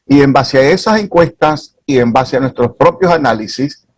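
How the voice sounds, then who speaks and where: A man, a reverend guest on a TV talk show, speaking in a measured, formal, didactic way. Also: medium pitch, slightly rough, dry recording. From Nicaragua.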